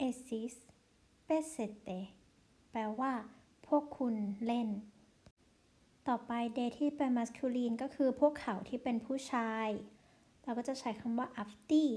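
A woman teaching a language lesson, drilling word forms one by one in a slow, deliberate way. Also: on the high side, dark tone.

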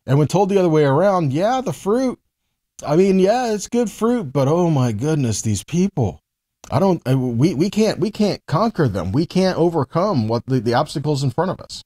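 In a sing-song, mellow voice pitched a little high, a man in his forties teaches at a moderate pace to camera. His sermon is conversational and emphatic, mixing scripture readings with rhetorical questions.

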